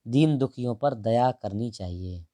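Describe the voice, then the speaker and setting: A man teaching exam prep, going through answers one option at a time in a casual, direct way and drawing some words out slowly. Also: mid-range voice, mellow, dry recording. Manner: explains each option, stretches out words while writing; casual and direct, calls the listener brother. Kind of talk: answer-key walkthrough lesson.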